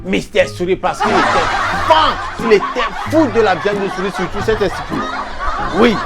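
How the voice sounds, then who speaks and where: A man telling a made-up history as a comic story, animated and repeating words for laughs. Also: sits high, moderate pace, over music, a crowd in the background. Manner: animated, repeats words for comic effect, mimics local accents. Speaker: comedian telling a mock history.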